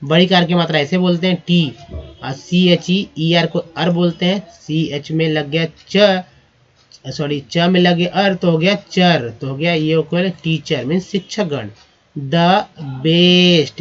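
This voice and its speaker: A man's voice: a little high, unhurried. A man teaches English words, spelling them out one letter at a time and repeating each pronunciation. The recording sounds dull and lo-fi. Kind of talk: spelling-out vocabulary lesson.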